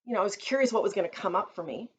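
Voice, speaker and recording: A woman vlogger telling a personal story in an earnest, reflective way, often pausing with fillers. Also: medium pitch, expressive. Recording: slightly dull recording with faint room noise.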